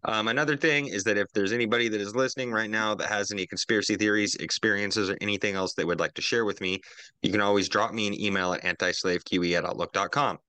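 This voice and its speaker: A man's voice: lowish voice, steady tone, quick pace, bright, forceful tone, clear, resonant tone, no room sound. A man hosting a podcast in a laid-back, casual way, swearing freely as he talks. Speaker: podcast host.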